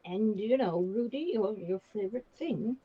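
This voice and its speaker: A woman voicing a kindly, motherly old grandmother in a tabletop game, speaking slowly and soothingly. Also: mid-range voice, husky, narrow, tinny audio, close to an everyday voice. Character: kindly old grandmother, fussing over her group.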